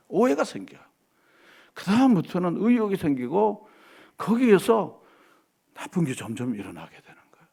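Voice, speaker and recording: A middle-aged male pastor preaching a Sunday sermon in a church, swinging from animated delivery to soft asides and acted quotes. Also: sits high, creaky, breathy edge. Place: church sanctuary.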